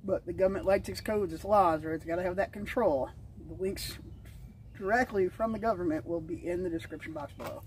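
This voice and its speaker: An American man talks casually to his viewers in a folksy, slangy way. His voice sits a little high for a man. Faint outdoor noise sits behind his plain-spoken explanations. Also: fairly quick, a little mellow, poor audio. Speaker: vlog host and ham radio hobbyist.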